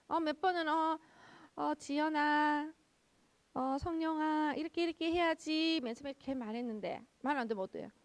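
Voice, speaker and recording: Young woman preaching to kids, high pitched, keeps asking them stuff and answering herself, dry close mic. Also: vocal fry, no echo. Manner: animated, asks children questions and answers them herself. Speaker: children's ministry pastor. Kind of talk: children's sermon.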